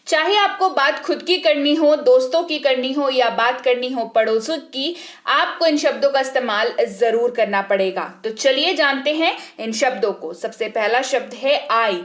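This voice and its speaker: Female teacher, high voice, slow careful delivery, echoey room, spells each word out. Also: fairly bright tone. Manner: slow, clear classroom explanation with spelled-out words. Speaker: English teacher. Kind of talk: spoken English lesson.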